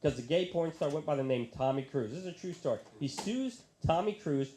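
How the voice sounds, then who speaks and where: A man's voice: a little high, expressive, brisk, dark tone, a little hiss or hum. A man in his thirties doing live stand-up comedy in a bar, ranting in a profane, exasperated way into a handheld mic. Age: 30s.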